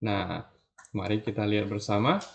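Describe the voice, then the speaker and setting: A man teaching Mandarin tones, who demonstrates by singing and drawing out vowels and often adds a soft "ya" to his sentences. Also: lowish voice, moderate pace, creaky. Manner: addresses learners as younger ones, adds frequent "ya". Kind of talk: online language lesson.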